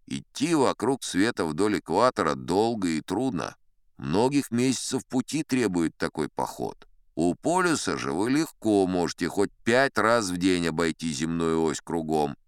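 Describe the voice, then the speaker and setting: An actor playing a pompous old sea captain, telling tall tales in a theatrical audiobook style with chatty asides. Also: male voice, deep voice, sing-song, measured pace, clean tone, no room sound, studio quality. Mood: pompous, wry. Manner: pompous, conversational asides to a young listener. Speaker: audiobook performer narrating as a character. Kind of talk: theatrical first-person storytelling from an adventure audiobook.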